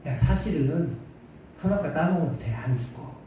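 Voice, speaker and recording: A preacher putting on a sly coaxing devil. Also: male voice, on the high side, animated, moderate pace, lightly acted. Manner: coaxing, hushed, chummy. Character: sly tempting male devil serpent. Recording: roomy hall, distant mic, faint hiss.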